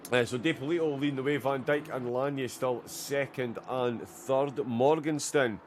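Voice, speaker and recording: A man's voice: medium pitch, steady tone, moderate pace, a little hiss or hum. A man commentating a sim racing endurance stream, chatty and filled with "uh" hesitations as he reacts to the racing. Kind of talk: live race commentary.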